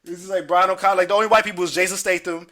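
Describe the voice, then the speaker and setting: A man's voice: high-pitched, steady tone, rapid-fire, pushed and bright. A man, hosting a casual podcast chat, talking in profane street slang and telling stories with animation. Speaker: podcast host.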